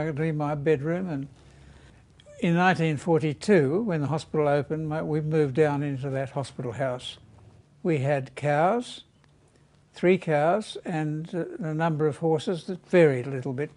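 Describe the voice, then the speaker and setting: A man in his eighties calmly recalling his childhood. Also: fairly high pitch. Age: 80s. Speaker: oral history interviewee. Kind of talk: reminiscing.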